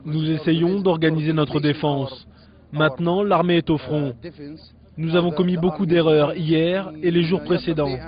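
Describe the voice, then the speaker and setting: Male translation voice-over, somewhat high, serious, crowd noise behind. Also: fairly even intonation, unhurried. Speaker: interpreter voice-over. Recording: muffled audio with crowd behind.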